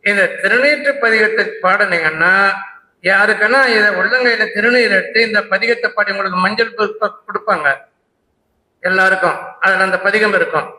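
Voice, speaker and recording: At a religious conference, a Saivite speaker gives a devotional discourse, telling a sacred story and breaking into rhythmic recitation of hymns. His high-pitched voice is pushed and bright at a normal speed. The rough recording sounds roomy, like the conference hall it was made in, with slight background noise.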